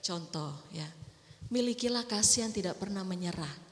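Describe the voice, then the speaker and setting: A middle-aged woman preaching a sermon in a chatty, lively way, acting out quoted voices and laughing often. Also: mid-range voice, moderate pace. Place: church hall. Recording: echoey church hall with long reverb.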